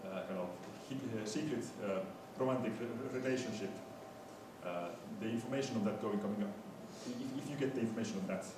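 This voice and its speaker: The lecturer, a man, stumbles through his academic talk, repeatedly stammering on the first sounds of words in a hesitant, halting way. Sound quality suffers from heavy echo, a far-off microphone, and a noisy rumble.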